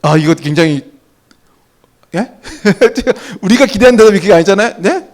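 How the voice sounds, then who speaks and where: Middle-aged male pastor, high voice, chatty animated sermon delivery. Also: moderate pace. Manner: conversational, animated storytelling.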